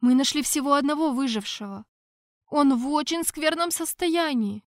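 A woman voicing a breathless, panicked male palace guard who shouts his report. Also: sits high, moderate pace, no echo, clean studio sound, pitched above the performer's own voice. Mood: urgent.

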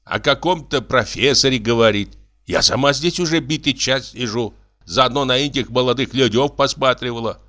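A man's voice: mid-range voice, normal speed, pushed and bright, voice pushed up, lightly acted. A man voicing a fussy, meddling old village woman in an audiobook, lamenting in a folksy drawl.

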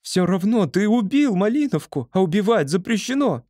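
A man voicing an excitable young female squirrel who tattles, in a shrill, indignant voice for an audiobook. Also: normal speed, no echo, clean studio sound. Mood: shrill outrage. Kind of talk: audiobook character voice.

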